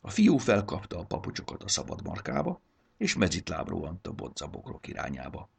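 A man reading a children's fantasy story aloud with expressive narration. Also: sits low, vocal fry, slightly rough.

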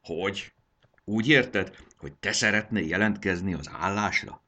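A man playing a proud, kindly middle-aged train conductor in a children's story, explaining things warmly. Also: low voice, very animated, husky, full character voice. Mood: eager.

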